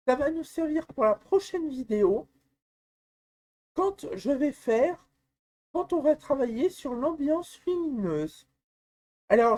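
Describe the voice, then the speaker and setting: Slow, high-voiced woman explaining software. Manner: calm, step-by-step explaining with some hesitations. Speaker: software tutorial presenter. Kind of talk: screen-recorded software tutorial.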